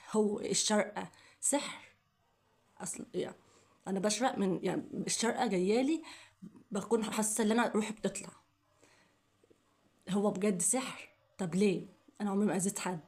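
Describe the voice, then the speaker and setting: A woman's voice: medium pitch, darkish tone. A young woman with an Egyptian Arabic accent, speaking in an emotional personal vlog, upset and pleading, repeating her questions over and over. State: coughing fits, upset. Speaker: vlogger.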